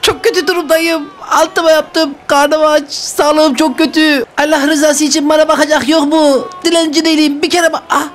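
A man's voice: very high-pitched, little pitch movement, moderate pace, hardly any pauses, a bit bright, slight background noise, voice pushed up. A man voicing a whiny, demanding baby boy who pleads and grumbles while role-playing over game footage. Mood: whining. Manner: whining, pleading, complaining in a babyish voice.

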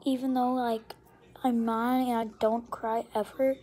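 A woman's voice: a little high, little pitch movement, unhurried, mellow. A teenage girl or young woman vlogging to camera in a whiny, dramatic way, sometimes dropping to a whisper. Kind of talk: casual vlog talk to camera.

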